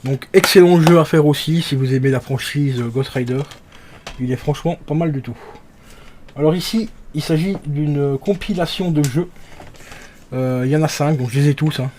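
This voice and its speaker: A man's voice: a little high, normal speed, a little hiss or hum. A young man chatting casually about his game collection, rambling with lots of fillers and restarts. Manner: relaxed, rambling with many fillers. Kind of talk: casual chat.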